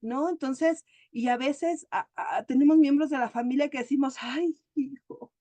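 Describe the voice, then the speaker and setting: A woman therapist speaks in a lively, storytelling manner. Her voice sits fairly high. The recording is dry and close, with no room sound. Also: normal speed, no echo. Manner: chatty, animated storyteller. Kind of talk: storytelling talk.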